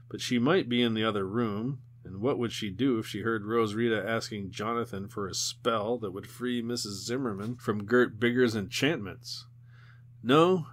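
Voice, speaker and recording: Low-voiced man narrating an audiobook. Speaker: audiobook reader.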